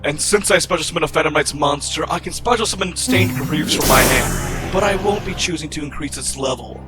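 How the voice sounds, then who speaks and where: Over loud background music, a man with a fairly high, near-everyday voice speaks a little fast. He plays a scornful villainous duelist in an anime-style card battle roleplay, declaiming formally and dramatically with commanding confidence. His character is a theatrical villain, the sneering rival of a Chosen One.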